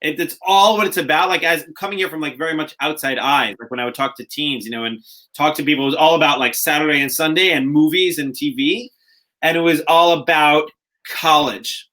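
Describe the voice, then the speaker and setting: A young podcast co-host, American-born and later living in Israel, speaks briskly in a bright, forceful voice that sits a little high. His casual chatter is rambling and jokey, with frequent self-interrupted restarts.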